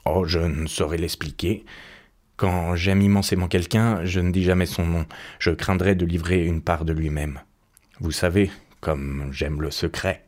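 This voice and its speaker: A man's voice: deep voice, fairly even intonation, unhurried, darkish tone. A man reading aloud and voicing an earnest, troubled young painter who speaks sincerely.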